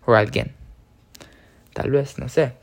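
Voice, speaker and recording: A young American man talks casually and slowly about his own experience in a medium-pitched voice. He sounds hesitant, filling his speech with fillers and correcting himself often.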